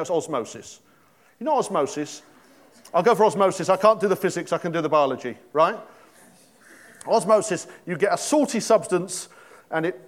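A middle-aged man gives a sermon in a relaxed, conversational manner. He asks his listeners questions and throws in jokes as he goes. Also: high-pitched. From Britain. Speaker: pastor.

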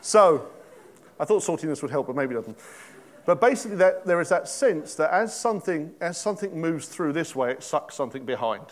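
A middle-aged man gives a sermon in a relaxed, conversational manner. He asks his listeners questions and throws in jokes as he goes. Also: on the high side, fairly quick. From Britain. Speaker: pastor.

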